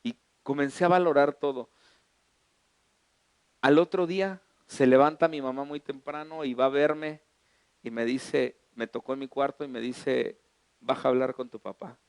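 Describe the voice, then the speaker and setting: A middle-aged Mexican man, a pastor, telling a humorous personal story in a colloquial, animated sermon. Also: mid-range voice, a little slow, clear, resonant tone, no room sound.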